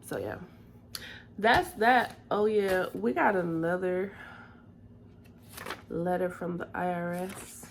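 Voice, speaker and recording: A woman talking casually in a personal video diary, soft-spoken and confiding, weary and tearful. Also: fairly low pitch, a little hiss or hum. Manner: slow, soft-spoken and confiding, drifting between calm and weary.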